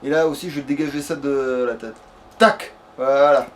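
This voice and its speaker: A man chats with a partner while giving slangy, sweary let's play commentary at a normal speed. His medium-pitched voice is steady, and the home recording is noticeably noisy.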